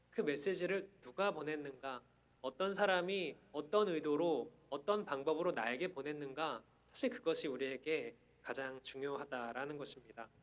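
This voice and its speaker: A man with a high voice preaches a sermon. He speaks earnestly and steadily, then swells into emphatic, declaring passages.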